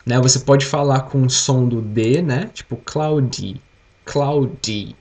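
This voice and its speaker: A man's voice: medium pitch, normal speed, a little mellow. Brazilian man teaching English vocabulary. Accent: Brazilian Portuguese. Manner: explains patiently, drills words and asks the class to repeat. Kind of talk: live-streamed English lesson.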